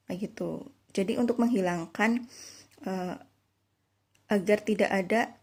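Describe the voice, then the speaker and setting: A woman's voice: medium pitch, darkish tone. A young woman from Indonesia, a teacher giving an online lesson, explaining step by step with fillers and restarts.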